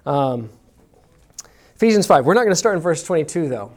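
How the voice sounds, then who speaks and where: A man's voice: fairly high pitch, very animated, a little fast. A man preaching a sermon to a congregation in a casual, conversational way, often checking in with "okay?". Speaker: pastor. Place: church room with congregation.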